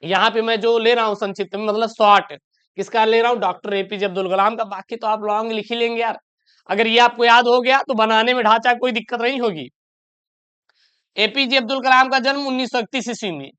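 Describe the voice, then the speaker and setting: A young male teacher giving an exam revision lesson, chatty and repeating key answers through quick questions to the class. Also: extremely high pitch, fairly even intonation, pushed and bright, clear, resonant tone, highs cut off.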